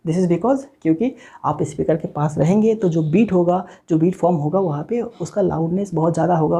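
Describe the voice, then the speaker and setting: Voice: medium pitch, mellow, husky. A teacher giving a recorded online physics lecture, explaining step by step, repeating key points and checking in often with "okay". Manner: repeats points and mixes in English technical terms.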